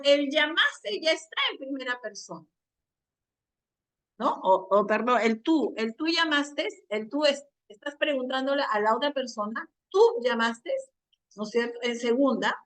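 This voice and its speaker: A woman with a high, bright voice gives a classroom grammar lesson. She explains patiently, checks in with short questions and drags out the examples she wants students to hear. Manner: slows down to stress quoted examples. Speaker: teacher. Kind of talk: classroom lesson on Spanish usage.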